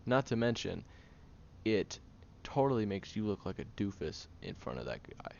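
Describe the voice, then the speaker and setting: A male actor plays a tired tsundere guy in an intimate audio roleplay, delivering an acted monologue straight to the listener. His creaky voice swings lively in pitch as he halts, sighs and sounds grumpy and flustered, earnestly scolding while gruffly hiding that he cares. The lo-fi recording is dull, with clearly audible background noise.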